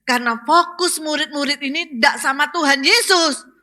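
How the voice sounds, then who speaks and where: A woman's voice: sits high, moderate pace, pushed and bright. A woman pastor, preaching a sermon and asking the congregation questions, rising to emphatic exclamations.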